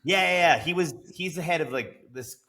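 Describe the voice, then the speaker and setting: A man's voice: a little high, a little fast, pushed and bright. A man from Greece with a Scottish accent, talking easily as a guest in a casual podcast interview.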